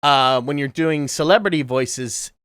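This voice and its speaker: A man's voice: a little high, a little slow, clean tone, dry recording, clean studio sound. A man in his thirties, a voice impressionist chatting casually in an interview and slipping into cartoon voices. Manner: animated, drops into cartoon voices. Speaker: voice impressionist guest.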